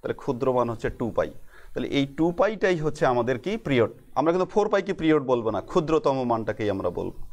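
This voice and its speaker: A middle-aged man with a Bangladeshi Bengali accent teaching a math lesson, asking questions and answering them himself, spelling terms out slowly. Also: mid-range voice, big pitch swings, a little mellow.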